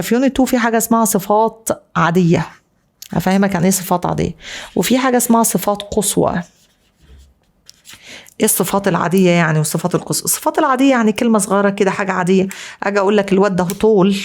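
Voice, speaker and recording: A young woman with an Egyptian Arabic accent teaches English grammar at a brisk clip. She keeps checking in with her students in a casual, chatty way. Her pitch sits in an ordinary middle range. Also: a little mellow. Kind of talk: exam review lesson.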